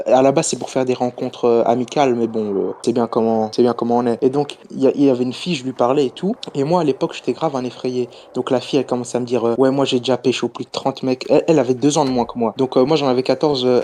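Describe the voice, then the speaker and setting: Jeune homme au téléphone d'un live, débit rapide, timbre sombre, hésitant. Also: male voice, mid-range voice, fairly even intonation, warm tone. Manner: hesitant, many fillers and restarts. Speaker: caller. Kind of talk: casual confession story.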